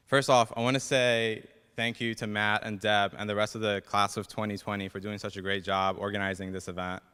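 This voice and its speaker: A man's voice: on the low side, little pitch movement, normal speed, sharp tone, clear, resonant tone. Persian-accented young man in a reverberant hall. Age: young adult. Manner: self-deprecating, a little nervous. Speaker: dental student class president giving a speech. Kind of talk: prepared ceremony speech.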